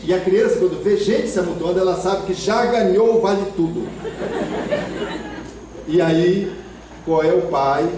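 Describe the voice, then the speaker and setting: Brief: Brazilian male lecturer, high-pitched, animated storytelling, recorded from afar in a reverberant hall with faint noise. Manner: expressive, acts out parents and children. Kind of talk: spiritist lecture. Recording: echoey hall from far off.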